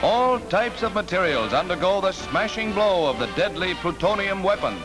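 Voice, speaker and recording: Male 1940s newsreel announcer, emphatic and animated, old newsreel soundtrack over loud music. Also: sits high, moderate pace. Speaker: newsreel narrator.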